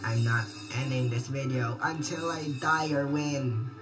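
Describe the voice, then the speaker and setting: A woman giving casual gameplay commentary at home, excitable and taunting, squealing and rambling through apologies. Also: extremely low pitch, a little slow. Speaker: gameplay channel host. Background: game music.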